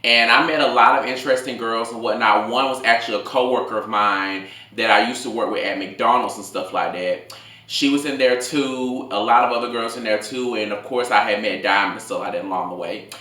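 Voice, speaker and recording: A man in his late twenties telling a casual, rambling story in slangy, animated talk as a food vlogger. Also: medium pitch, fairly quick. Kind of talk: casual storytime told over a meal. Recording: echoey room.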